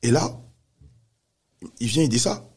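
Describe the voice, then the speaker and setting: A man telling a story in casual chat, animated, acting out the voices of the people he quotes. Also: medium pitch, measured pace, husky. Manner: animated, acts out quoted voices, many restarts. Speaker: music manager telling a story.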